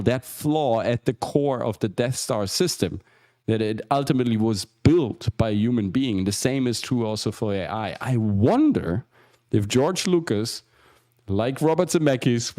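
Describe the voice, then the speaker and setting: A man hosting a casual livestream as an acting coach, rambling with many restarts and asides and jumping higher for emphasis. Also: a little mellow. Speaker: acting coach and show host.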